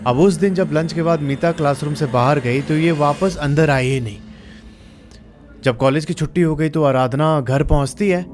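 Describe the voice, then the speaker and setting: A man's voice: on the high side, moderate pace, a little mellow, soft background music. A man narrating a true horror story in a casual, chatty way, talking to listeners like friends.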